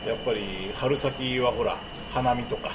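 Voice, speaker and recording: A man's voice: mid-range voice, a little slow. A man bantering and teasing casually, like a comedic talk show co-host. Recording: noisy ambient background.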